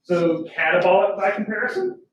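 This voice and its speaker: Male science teacher, high voice, folksy lecture style, recorded from across a roomy classroom. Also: big pitch swings, a little fast, fairly bright tone, highs cut off, a little hiss or hum. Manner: folksy, asks the class questions. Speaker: biology teacher. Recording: roomy classroom audio from a distant mic.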